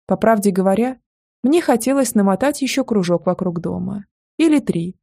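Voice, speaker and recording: A woman narrating an audiobook in first person with lively, wry storytelling. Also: medium pitch, normal speed, vocal fry, husky, no echo, clean studio sound.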